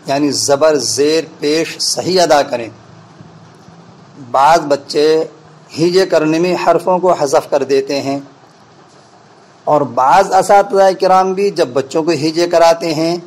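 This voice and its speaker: A male Quran reading teacher explaining pronunciation to teachers and pupils, and breaking into slow, deliberate letter-by-letter spelling drills. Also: a little high, a little mellow, poor audio.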